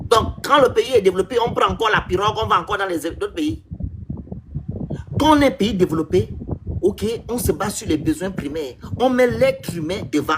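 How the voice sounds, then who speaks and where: Male live-stream host, lively high voice, talks over callers, noisy line. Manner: insistent, talks over others. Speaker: host moderating a live debate.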